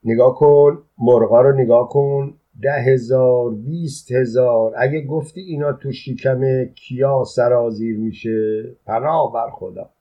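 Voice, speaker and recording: A man voicing a gruff middle-aged male driver who curses and talks bluntly in a colloquial mutter, in a read-aloud story. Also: mid-range voice, fairly even intonation, few pauses, close to an everyday voice. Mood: scornful. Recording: dull lo-fi recording.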